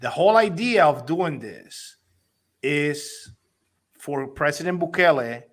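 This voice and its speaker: A man's voice: fairly high pitch, expressive, slow pace. Eager persuasive man from Honduras. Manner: persuasive, eager, many restarts. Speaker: crypto company executive and investor. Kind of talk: casual interview talk.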